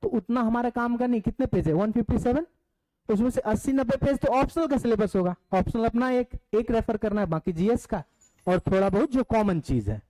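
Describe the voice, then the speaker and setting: Male teacher with an Indian accent, warm dark tone, teaching an online class and checking in with the students. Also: extremely high pitch, lively intonation, rough recording. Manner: explains step by step, asks the class questions; reads syllabus points aloud slowly in English.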